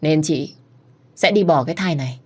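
A woman voicing a calm, calculating female rival who speaks in a confiding tone in a storybook. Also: deep voice, moderate pace, breathy edge.

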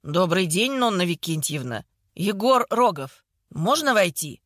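A woman's voice: fairly low pitch, very animated, a little slow, a bit bright, no echo, studio quality, voice pushed down, exaggerated voice. A woman voicing an awkward man who speaks hesitantly and stiffly formal.

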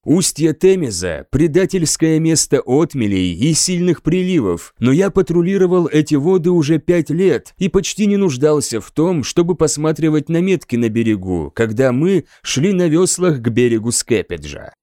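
A man narrates a first-person audiobook in a measured, dryly ironic storytelling manner. His pitch moves in a lively way through the phrases. The recording is close and dry, with no room sound. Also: no echo.

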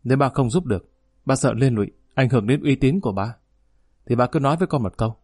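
A sulky grown son talks back quickly and defiantly, as a male audiobook narrator reads him. His voice sits at a middle pitch. The recording is close and dry. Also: darkish tone, breathy edge, no echo, lightly acted. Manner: defiant, rapid, whining.

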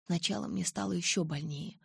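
A woman reading a novel aloud in a dramatic, intense way, with a husky voice. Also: lowish voice, fairly quick, dry recording, studio quality. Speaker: audiobook reader. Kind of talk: scripted narration.

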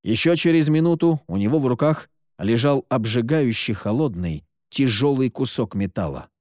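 Мужчина-рассказчик читает аудиокнигу: голос среднего тембра, интонация живая и подвижная, запись сухая, без эха комнаты. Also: male voice, medium pitch, normal speed, dry recording, clean studio sound. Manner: expressive reading with lively intonation. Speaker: narrator. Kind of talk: audiobook storytelling.

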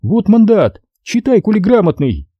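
A man voicing a frantic young woman in an audiobook, pleading shrilly and then barking orders with a sharp tongue. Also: high voice, big pitch swings, normal speed, breathy edge, no echo, highs cut off, pitched above the performer's own voice, heavily acted. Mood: fierce.

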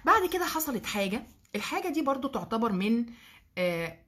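A woman with an Egyptian Arabic accent teaching a religious lesson to girls in a lively way, often asking the class questions and explaining terms. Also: a little high, fast, husky.

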